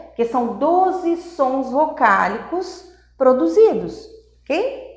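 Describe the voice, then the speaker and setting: Lively teacher woman in an echoey room. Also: high-pitched. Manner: explains patiently, checks in with "tá?" and "ok?"; sounds out syllables and vowels slowly. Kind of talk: recorded grammar lesson.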